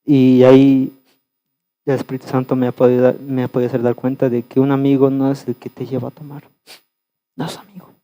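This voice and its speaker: A young man shares a heartfelt church testimony. His voice is mellow and warm. He often stumbles and repeats words as he speaks. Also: medium pitch, completely flat delivery, fairly quick, rough recording. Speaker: church member giving testimony. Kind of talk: personal testimony in a church sermon.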